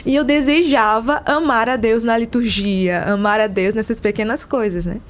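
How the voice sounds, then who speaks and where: Speaking with a steady tone at a moderate pace, in a voice that sits a little high, a consecrated religious community member from inside Brazil's Amazonas gives a casual testimony as a podcast guest. She has a Brazilian accent.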